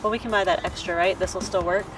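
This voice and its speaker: A woman narrating a casual RV vlog in a chatty, playful, excitable way. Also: on the low side, quick pace. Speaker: vlogger. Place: RV campground, indoors and outdoors. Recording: background music.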